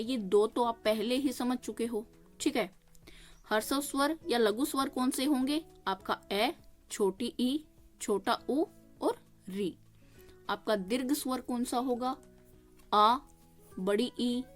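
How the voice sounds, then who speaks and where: A woman teaching a grammar lesson, explaining step by step, checking in with the listener and sounding out vowels slowly. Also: a little high. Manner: explains step by step, often asking "ठीक है?". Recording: faint music behind the voice.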